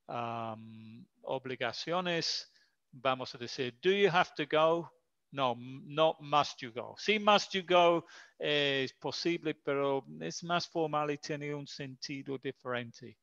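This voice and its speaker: Slow, patient male English teacher. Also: mid-range voice, fairly bright tone, no room sound, highs cut off. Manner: slow, patient explanations mixing Spanish and English. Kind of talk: online language lesson.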